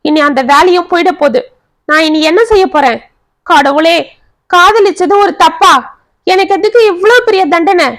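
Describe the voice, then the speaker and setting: A woman's voice: moderate pace, dry recording. A woman voicing an overwhelmed young working wife who speaks in an anguished, pleading way. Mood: despairing. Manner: anguished, pleading, shrill when upset.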